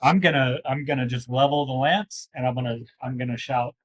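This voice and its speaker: Hesitant husky-voiced man at a game table. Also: mid-range voice, steady tone, fairly quick, low-quality recording. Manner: hesitant, asks rules questions. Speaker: player.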